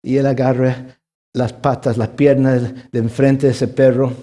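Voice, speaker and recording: A middle-aged male pastor preaching a sermon, rising to loud emphatic peaks and dropping to hushed tones, often tossing in a questioning "ah?" to the congregation. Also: mid-range voice, level tone, a little slow. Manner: swings between loud emphatic rises and hushed quiet passages; punctuates points with questioning "ah?" tags.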